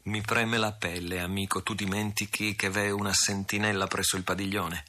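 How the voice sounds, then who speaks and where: A man reading an audiobook voices a cool-headed, wry and loyal pirate who speaks calmly, dryly and slowly. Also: lowish voice.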